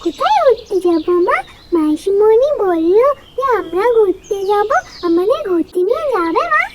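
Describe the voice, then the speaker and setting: A woman's voice: very high-pitched, big pitch swings, moderate pace, noisy background, pitched above the performer's own voice. A woman voicing an eager young girl, the elder sister, coaxing and insistent.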